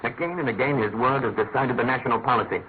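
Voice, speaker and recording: An actor playing Sherlock Holmes, a brilliant, restless detective with a dry, declamatory manner, in classic radio drama style. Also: male voice, medium pitch, quick pace, natural voice. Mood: amused, expounding. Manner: articulate, declamatory, musing. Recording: tinny narrow-band radio recording with hiss.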